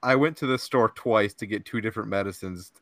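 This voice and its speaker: A young man hosts a podcast, rambling through casual chat, laughing often and saying "like" and "dude" constantly. His voice is on the low side and fairly bright, a little fast. The podcast-mic recording is studio quality with no echo.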